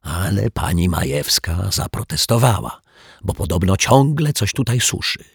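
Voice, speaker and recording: A man's voice: low-pitched, sing-song, moderate pace, vocal fry, breathy edge, dry recording, studio quality, full character voice. A man voicing a male building caretaker in a children's audiobook, explaining things in a confiding whisper.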